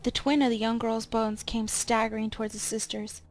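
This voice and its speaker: A woman reads a scripted serial tale in a measured, deliberate storytelling manner. Her voice sits a little high and moves very little in pitch, staying even from line to line. Soft music plays quietly behind her. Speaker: narrator.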